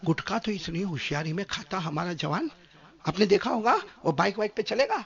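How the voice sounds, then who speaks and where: A man from Gujarat, preaching an animated, humorous sermon and questioning his listeners, in a dull lo-fi recording. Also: high voice, gravelly. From Gujarat, India. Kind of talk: sermon with anecdotes.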